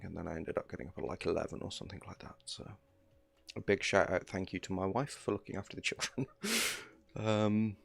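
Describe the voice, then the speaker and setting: Deep gravelly male streamer rambling casually. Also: no echo. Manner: rambling, filler-heavy, easygoing. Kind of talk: casual gameplay commentary.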